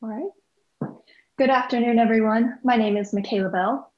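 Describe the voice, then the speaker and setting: A woman's voice: on the high side, normal speed. Young woman presenting, dull lo-fi audio. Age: young adult. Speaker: student presenter. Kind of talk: presentation introduction. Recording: dull lo-fi video call.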